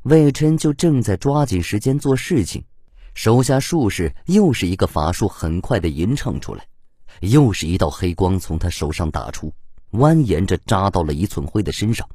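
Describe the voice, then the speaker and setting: A man narrating an audiobook in an expressive storytelling manner on a close mic. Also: low voice, normal speed, husky, no room sound. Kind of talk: scripted narration.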